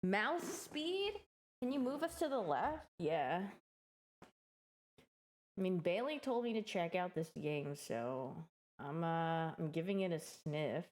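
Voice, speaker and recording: A woman's voice: lowish voice, sing-song, takes it slowly, a little mellow. A young woman giving casual live-stream game commentary, playful and slangy, reacting aloud as she plays.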